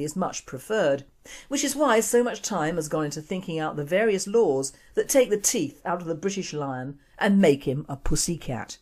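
A woman from the United Kingdom presenting opinionated commentary in a scornful, indignant manner. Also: fairly low pitch. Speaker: show presenter.

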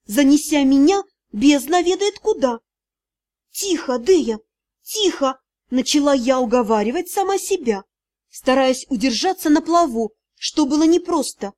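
A woman's voice: high voice, a little mellow. A woman reading a first-person fantasy audiobook with a dramatic, emotional delivery. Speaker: audiobook narrator.

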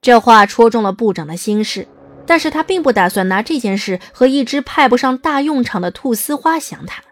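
A woman's voice: fairly high pitch, lively intonation, brisk. A woman reading scripted narration as the narrator of a dramatised audiobook.

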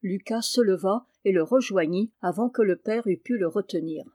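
Calm woman storybook reader, mid pitch, dry. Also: normal speed, dry recording. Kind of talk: storybook reading.

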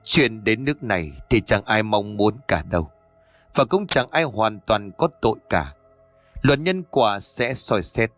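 A calm ghost-hunting master from an audio horror tale, measured and admonishing, never rattled, as a man puts him on. Dry and close, with faint music behind. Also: on the low side, dry recording. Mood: stern. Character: calm stern male exorcist master.

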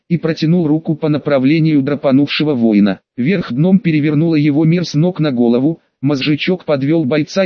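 A man reads an audiobook in the first person, his voice sitting a little higher than most men's. The delivery is steady and measured. The recording is dry, with no room sound, and a little dull in the highs. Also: no echo. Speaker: audiobook narrator. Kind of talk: first-person scripted narration.

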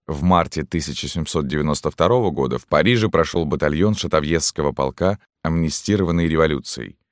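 A man narrating a classic novel in a measured, steady way. His voice is very deep and low. The recording is dry and close. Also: no room sound. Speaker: audiobook narrator. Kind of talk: scripted literary narration.

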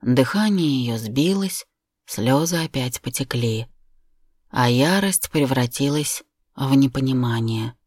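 A woman reads a first-person story aloud with measured, steady pacing. Her voice sits low, and the recording is close and dry. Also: dry recording. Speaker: audiobook narrator. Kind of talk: scripted narration.

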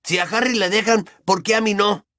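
A man's voice: high voice, fairly even intonation, a little fast, bright, forceful tone, no room sound, studio quality, pitched above the performer's own voice. A man reading an audiobook, voicing a whiny, vehement teenage boy who protests. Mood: protesting.

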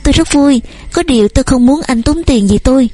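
Woman putting on a high sweet voice, shy gentle young painter girl, soft and playful, audiobook romance. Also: animated, fairly quick, faint music behind. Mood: tender.

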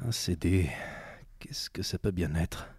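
A man playing a self-important police lieutenant in an improvised comedy sketch, pompous and deadpan. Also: on the low side, a little fast, no echo, clean studio sound.

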